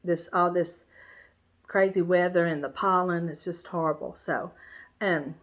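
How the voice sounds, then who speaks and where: A woman with a lowish, steady voice, speaking a little slowly, chats casually about her cross-stitch supplies in a show-and-tell way. Her nose is stuffy and congested, making her sound nasal, and she rambles warmly with many "um"s, fillers and restarts.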